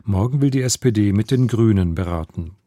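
Male newsreader, formal and measured, low mellow voice, dry studio sound. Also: lively intonation, dry recording. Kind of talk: scripted radio news reading. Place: radio studio.

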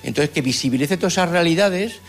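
A man's voice: a little high, expressive, fast talker, faint music behind. A man answering interview questions in an earnest, rambling way with many restarts.

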